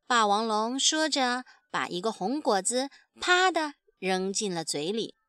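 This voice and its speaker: A storyteller reads a picture book aloud expressively in a high, lively, bright voice, acting out the sound effects along the way. She goes slowly and carefully, and the recording is close and dry with no room sound.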